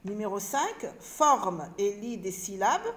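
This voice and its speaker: A woman teacher giving a reading lesson to children, spelling out syllables slowly and clearly and repeating each word. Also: mid-range voice, very animated, a little hiss or hum.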